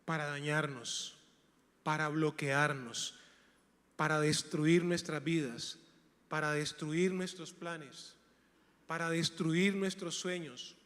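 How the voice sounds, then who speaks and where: A pastor preaching a sermon, swinging from hushed lines to loud rhetorical questions. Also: male voice, on the high side. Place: large church hall. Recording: echoey church hall.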